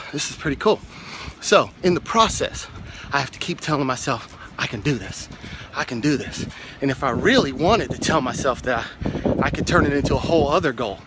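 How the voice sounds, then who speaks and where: A man's voice: mid-range voice, animated, a little fast. A man hosting a motivational vlog, winded as he climbs outdoor steps and talks encouragingly into his handheld phone. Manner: encouraging, talks to camera while climbing stairs. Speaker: vlog host. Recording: loud wind noise on phone mic.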